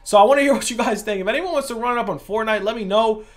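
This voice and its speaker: A man's voice: high voice, rapid-fire. A man hosting a gaming video, ranting heatedly and emphatically, repeating his points. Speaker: gaming YouTuber.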